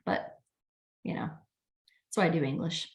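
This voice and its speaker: A woman guest talking casually in an interview, chatty and animated when retelling conversations. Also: sits low, a little slow. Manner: chatty, acts out quoted dialogue with laughs. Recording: roomy echo.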